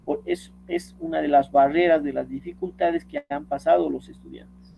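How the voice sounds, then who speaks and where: A man's voice: a little high, wildly swooping pitch, moderate pace, vocal fry, narrow, tinny audio, slight background noise. A man teaching a lesson, explaining step by step and reading quotes aloud, often checking with "¿no?". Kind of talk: screen-share tutorial lecture.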